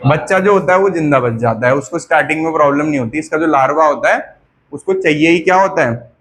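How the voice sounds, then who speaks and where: A man lectures on biology in class with a raised, animated voice that is fairly high and bright. He drills students through repeated questions and answers, then slows to dictate notes, while faint background noise lingers.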